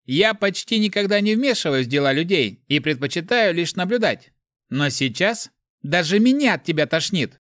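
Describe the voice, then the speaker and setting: A man voicing a mocking male spirit that speaks inside someone's head, taunting and sneering without pause. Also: high voice, lively intonation, fairly bright tone, no echo, clean studio sound, voice pushed up.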